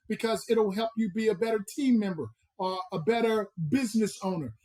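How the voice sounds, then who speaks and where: On a motivational podcast, a personal growth coach from the American South speaks with a Southern accent in an emphatic, preacher-like style, stretching out stressed words. His voice sits high and is a little mellow.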